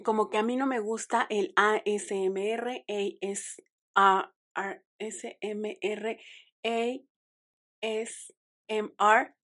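A young woman with a Mexican Spanish accent, hosting her show in a chatty, expressive, self-mocking way. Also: mid-range voice, takes it slowly. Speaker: podcast host. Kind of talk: casual chat.

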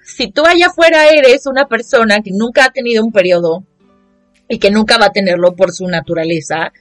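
A young vlogger with a Mexican Spanish accent tells a casual story expressively and dramatically, mocking the people she quotes. Her mid-range voice moves a little fast, with faint music behind her.

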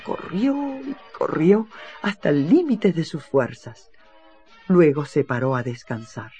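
A storyteller giving an expressive reading of a children's fairy tale. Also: medium pitch, takes it slowly, breathy edge, faint music behind. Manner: expressive, lively. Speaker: narrator. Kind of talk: storybook narration.

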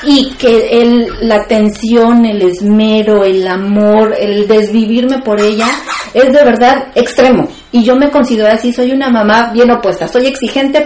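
A woman speaks candidly in a relaxed conversation, mixing reflection with dry humor. Her voice sits a little on the high side. The room around her rings with echo. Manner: frank, reflective, wry humor. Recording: echoey room.

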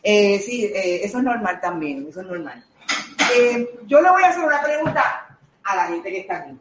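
A woman hosting a casual radio chat, teasing her guests with quick asides and joking apologies. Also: mid-range voice, sing-song. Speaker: radio host. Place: station kitchen. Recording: roomy echo, faint background noise.

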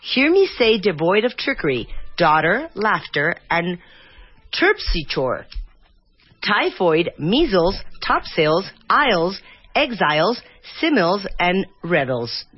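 A woman, hosting a casual radio chat and reading English haltingly and playfully. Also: fairly low pitch, big pitch swings, husky. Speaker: radio host. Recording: dull lo-fi radio recording.

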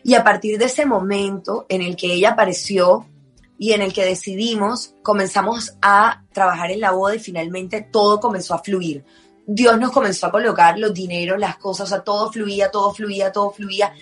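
A woman's voice: medium pitch, fairly even intonation, moderate pace, soft background music. A Colombian woman in her thirties telling a personal story in a casual, emotional way, full of filler words.

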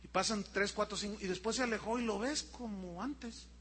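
Male pastor, high husky voice, bright tone, storytelling sermon with quoted voices. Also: fairly quick.

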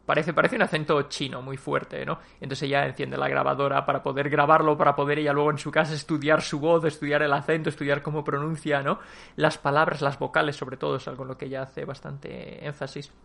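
A man from talks through a film in a loose, rambling way, full of fillers and restarts. His voice sits a bit high and has a gravelly, creaky edge. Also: little pitch movement, quick pace, sharp tone. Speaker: film reviewer. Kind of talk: casual spoken film review.

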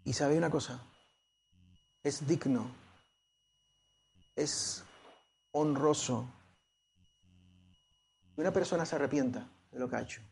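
A pastor preaching a sermon, repeating key phrases and swinging between hushed and loud passages. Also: male voice, mid-range voice, a little slow, gravelly, pauses often, husky. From Spain. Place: church.

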